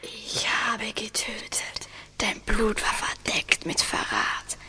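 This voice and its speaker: A girl voicing a vengeful, veiled female ghost in a slow, breathy whisper, as whispered role-play in a school radio play. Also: medium pitch, pushed and bright, exaggerated voice. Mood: menacing.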